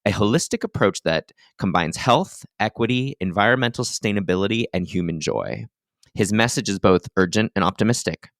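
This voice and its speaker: A man hosting a podcast, reading a smooth introduction and then asking casual questions. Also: lowish voice, a little fast, dry recording, studio quality. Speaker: podcast host.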